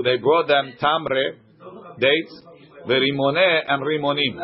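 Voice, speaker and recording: Man teaching, slightly high voice, muffled recording. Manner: explanatory, breaking off into short glosses. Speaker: teacher of a Talmud class. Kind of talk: informal Talmud lesson, reading aloud and translating phrase by phrase.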